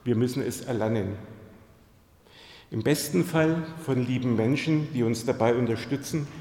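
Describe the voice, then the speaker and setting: A man's voice: medium pitch, moderate pace, dark tone. A man giving a sermon, telling personal stories and turning to the congregation with direct questions. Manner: storytelling, addresses the congregation directly. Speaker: pastor. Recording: echoey church hall.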